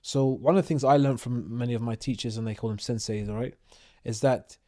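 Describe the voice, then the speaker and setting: A man hosts a podcast interview in a mid-pitched voice. He talks in a measured, deliberate way as he brings in his guest and shares stories from his own life. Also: fairly even intonation, mellow. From United Kingdom. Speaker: podcast host.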